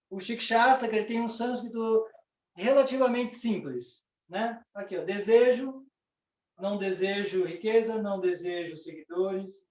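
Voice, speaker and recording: A Brazilian man with a fairly high voice teaches a language class, going through each point patiently and checking in with his listeners. He sounds set back from the microphone in a roomy, echoing space. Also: darkish tone. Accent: Brazilian Portuguese. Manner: patient, explains step by step with frequent "né?". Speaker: Sanskrit teacher. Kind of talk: explanatory lecture. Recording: roomy, distant mic.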